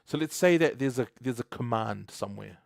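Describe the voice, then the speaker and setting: With an expressive mid-range voice touched by vocal fry, a chatty new guy from New Zealand talks fairly quickly while coding live on a casual stream. He laughs often and reads chat aloud as host, and the studio sound is clean with no echo.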